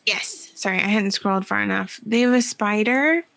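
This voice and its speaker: A woman's voice: mid-range voice, moderate pace, gravelly, a bit bright, no room sound. A woman playing in a tabletop game, speaking coolly and laconically. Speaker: player.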